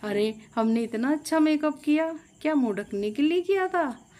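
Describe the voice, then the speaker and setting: A woman's voice: high voice, expressive, normal speed, a little mellow, voice pushed up. Annoyed young bride grumbling to herself, storybook style, woman doing it. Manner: grumbling inner complaints. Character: young bride, annoyed and fussy about makeup.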